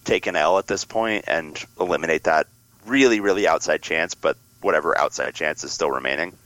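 Hoarse man with a smoker's rasp and a cold. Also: a bass voice, brisk, fairly bright tone, dry recording, rough recording. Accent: American. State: congested with a worsening cold. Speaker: sports podcast co-host. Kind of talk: casual sports chat.

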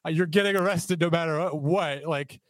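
A man's voice: a little high, moderate pace, dry recording. Laughing male co-host, dry mic. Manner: laughing, animated retelling. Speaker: podcast co-host. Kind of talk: casual podcast commentary.

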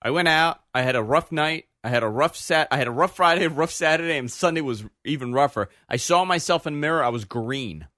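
A man's voice: a little high, fairly quick, few pauses, pushed and bright, no room sound, clean studio sound. A man hosting a podcast in casual chat, blunt and teasing toward his co-host.

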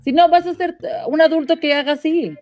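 A woman in her thirties with a Mexican Spanish accent chats informally as a podcast host. She is candid and lively, with a fairly high voice. Faint guitar music plays in the background. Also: a little fast. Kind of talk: casual conversational chat.

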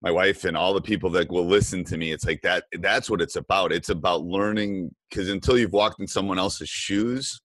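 Deep-voiced chatty male podcast host. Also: normal speed, hardly any pauses, fairly bright tone, no echo. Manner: chatty, with many fillers and restarts. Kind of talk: casual interview.

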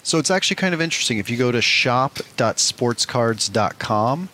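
A man's voice: mid-range voice, lively intonation, moderate pace, pushed and bright. A man co-hosting a trading card show in casual, bantering chat. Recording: faint background room noise.

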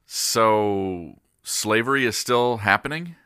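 A man playing an earnest, polished public-radio news host in a post-apocalyptic comedy, with deadpan delivery. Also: on the low side, slow, clean tone, no echo, studio quality. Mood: incredulous.

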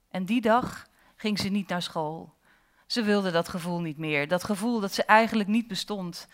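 A woman reading her own dark fairy tale aloud at a live event, expressive, with slow dramatic pauses. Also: mid-range voice. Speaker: storyteller and author.

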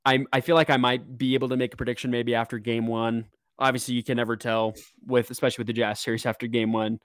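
Excitable man hosting a sports chat. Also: mid-range voice, clear, resonant tone, dry recording, studio quality. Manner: excitable, quick to joke. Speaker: podcast host.

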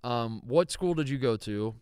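A young man chats about college basketball as a co-host, rambling through stories and slipping into quoted voices. His voice is smooth and clear, recorded close and dry with no room sound. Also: medium pitch, animated, normal speed, a little mellow, no echo. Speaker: podcast co-host. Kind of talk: casual sports chat.

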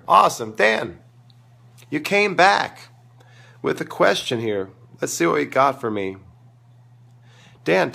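His throat is sore and his voice is going, leaving it crackly and gravelly at a medium pitch with a sharp tone. He is a tennis coach on a live stream, answering viewers informally, emphatically and with strong opinions.

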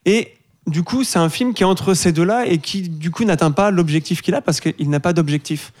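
A man's voice: sits high, normal speed, darkish tone, no echo, clean studio sound. Opinionated man reviewing a film. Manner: opinionated, rambling with restarts. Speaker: film critic. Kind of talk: casual review discussion.

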